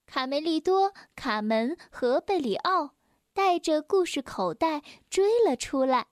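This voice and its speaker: Woman reading bedtime stories to kids, high and unhurried, gentle, close dry mic. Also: lively intonation, dry recording. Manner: gentle, slow, clear storytelling voice. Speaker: children's story reader. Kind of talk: reading a children's story aloud.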